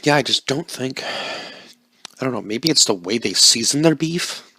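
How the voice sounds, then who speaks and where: A man's voice: medium pitch, expressive, normal speed, sharp tone, slightly rough, no echo. A man casually reviewing a microwave meal, rambling and unsure of himself, talking while he eats. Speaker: food reviewer. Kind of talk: casual food review vlog.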